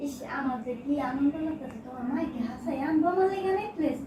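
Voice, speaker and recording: A woman's voice: high voice, fast talker, close to an everyday voice. A woman playing a greedy young wife nagging about a necklace in rustic speech. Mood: demanding. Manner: whiny, nagging dialect speech. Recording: echoey room, far from mic, clear background noise.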